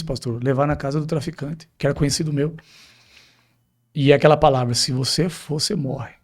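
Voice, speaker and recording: A man with a Brazilian Portuguese accent, a pastor telling his personal testimony as a podcast guest, acting out the dialogue as he tells it. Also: fairly high pitch. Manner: vivid storytelling, acting out quoted dialogue.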